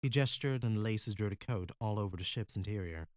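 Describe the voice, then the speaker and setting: A man narrating an audiobook in an even, measured reading style. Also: lowish voice, no room sound. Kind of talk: scripted narration.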